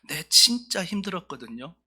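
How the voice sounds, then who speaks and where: A man voicing an old man in his eighties who looks back on a hard life, trying at a Busan dialect and speaking softly. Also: high voice, sing-song, normal speed, slightly rough, exaggerated voice. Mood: wistful. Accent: Busan dialect, poorly imitated.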